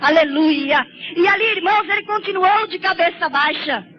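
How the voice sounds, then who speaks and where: A woman's voice: very high-pitched, moderate pace. A woman gives a fervent, tearful testimony sermon and keeps calling her listeners brothers. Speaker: church sister giving a testimony. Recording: slightly dull lo-fi recording with faint noise.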